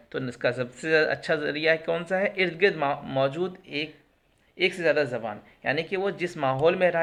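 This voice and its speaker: A man's voice: fairly high pitch, fairly bright tone. Man teaching an exam-prep lesson. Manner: explains terms with English glosses, asks and answers own questions.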